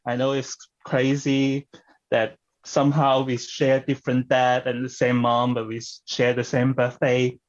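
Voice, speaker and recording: A man performing improvised comedy scenes, speaking haltingly as he searches for his words. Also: mid-range voice, completely flat delivery, lo-fi sound.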